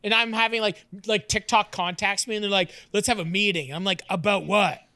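A man's voice: high-pitched, fairly even intonation, a little fast, gravelly, bright, forceful tone, clear, resonant tone, no room sound. A man in his thirties from Canada, co-hosting a podcast in casual, rambling chat that keeps restarting itself, recorded on a studio mic. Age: 30s. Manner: rambling, self-interrupting, joking. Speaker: podcast co-host. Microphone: studio mic on boom arm.

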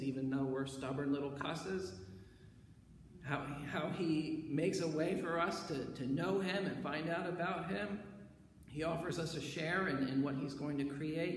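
A man preaching in a church with a fairly high voice. He talks in a loose, conversational way, often tossing in "right?" and "okay". The sound is roomy, with a long hall reverb and a faint hiss underneath. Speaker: pastor. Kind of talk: sermon. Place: church sanctuary. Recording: echoey church hall with faint background noise.

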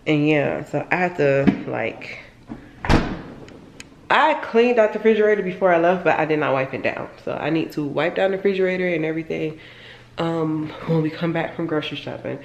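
A woman in her twenties from Florida rambles chattily through a home vlog in her kitchen, repeating herself as she talks to a handheld camera that she later sets on the counter. Her low, creaky voice is fairly quick, and the lo-fi, reverberant recording has slight background noise.

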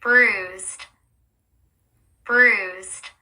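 A woman giving clear, deliberate model readings of words and verses for learners. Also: mid-range voice, fairly even intonation, pushed and bright, poor audio. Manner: clear, deliberate word-by-word delivery. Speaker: model reader. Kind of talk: slow model pronunciation reading.

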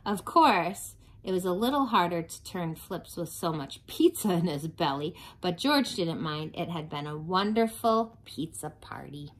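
A woman reading a picture book aloud to children in an expressive storytelling style. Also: lowish voice, unhurried, hardly any pauses, slightly rough. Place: small home playroom, indoors.

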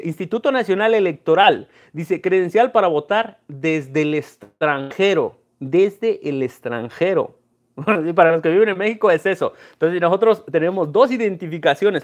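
Mexican man, young adult, Mexican accent, casual vlog, slightly higher voice, reflective chat. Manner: conversational and reflective, uses Spanglish words. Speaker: numismatics vlogger. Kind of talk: casual talk to camera.

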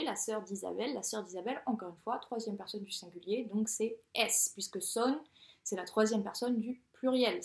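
A woman teaching Spanish in in a recorded lesson, talking briskly and patiently and checking in often with her students. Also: on the high side. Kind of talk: recorded lesson correcting exercises. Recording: echoey room.

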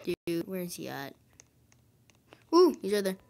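A woman giving casual commentary over her gameplay. She gets excited quickly and grumbles at her teammates. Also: fairly low pitch, gravelly, noisy background. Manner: excitable, quickly frustrated, calls teammates idiots. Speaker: gaming video host.

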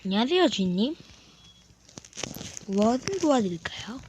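A man's voice: very high voice, sing-song, normal speed, slight background noise, low-quality recording. A young man voicing a chirpy, cheerful robot voice assistant that politely offers to help its master. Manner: polite, servile, calls the listener master. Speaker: gamer. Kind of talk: playful gaming chat.

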